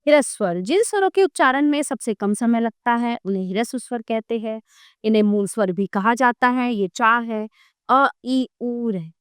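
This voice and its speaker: A woman's voice: fairly high pitch, animated, moderate pace, smooth, no echo, clean studio sound. A woman teaching a grammar lesson from an ebook, reading out definitions and listing letters one at a time, with brief asides to her students.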